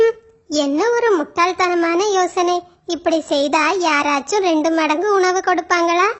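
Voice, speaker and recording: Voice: very high-pitched, moderate pace, fairly bright tone. A performer voicing a scornful, mocking ripe mango in a cartoon story. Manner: sneering, scornful.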